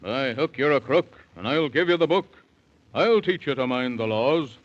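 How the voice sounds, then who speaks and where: Man doing a stern old storybook king, pompous, blustering, drawn-out delivery, animated pitch, muffled vintage radio. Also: natural voice. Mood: stern, condemning. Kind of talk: 1930s children's radio serial acting. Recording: dull, muffled 1930s radio recording.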